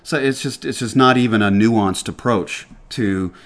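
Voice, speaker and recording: A man's voice: lowish voice, unhurried. A middle-aged man from Georgia with a Southern accent, hosting a casual radio talk show and lecturing emphatically, with frequent restarts. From Atlanta, Georgia, US. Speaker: podcast host.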